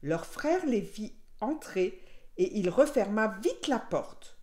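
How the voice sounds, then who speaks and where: Lively woman reading a children's story. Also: mid-range voice, slow pace. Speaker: teacher reading aloud.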